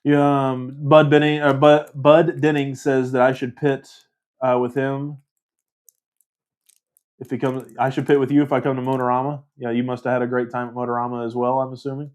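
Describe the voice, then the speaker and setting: A man's voice: medium pitch, level tone, normal speed, a little mellow, clean tone. Rambling, laughing man hosting a livestream. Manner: rambling, self-deprecating, laughs often. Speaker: livestream host. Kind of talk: casual livestream chat reading comments.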